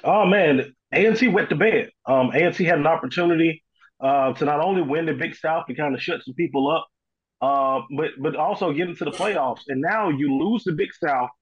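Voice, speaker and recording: A man's voice: fairly high pitch, normal speed, breathy edge, lo-fi sound. A man giving casual, informal sports commentary as a panel analyst. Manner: informal, conversational, often says "man".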